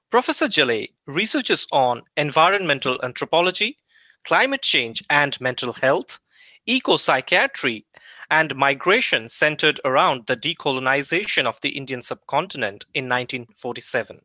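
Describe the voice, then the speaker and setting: Bright-voiced formal male podcast host. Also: on the high side, no room sound. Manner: formal, measured, polite. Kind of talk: scripted introduction and interview questions.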